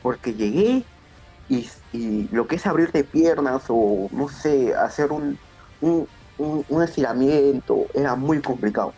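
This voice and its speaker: A young man, a wrestler telling stories in a casual interview, his voice jumping up when excited. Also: a little slow, breathy edge, soft background music. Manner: animated storyteller, voice jumps high when excited. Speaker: pro wrestler guest.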